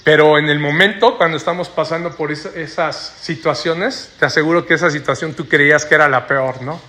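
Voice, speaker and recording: Male preacher, sharp, bright delivery, keeps checking in with his flock. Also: on the high side, steady tone, brisk. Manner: tags sentences with rhetorical "¿no?". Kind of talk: sermon. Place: church before a congregation.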